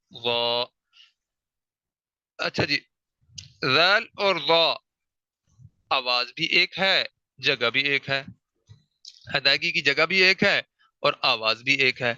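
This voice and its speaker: A man gives a tajweed lesson in a very bright, crisp and resonant voice. He drills single letter sounds slowly and over and over, and he checks in with rhetorical questions. The recording is close and dry. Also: mid-range voice, dry recording, poor audio. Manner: demonstrates letter sounds slowly, repeating them. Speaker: Quran recitation teacher. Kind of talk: online tajweed class lecture.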